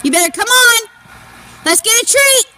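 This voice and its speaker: Filming her husband outdoors in a snowy yard on a handheld phone, a woman chats and giggles fondly as she narrates a home video. Her very high voice is animated and moderately paced, set against a noisy crowd.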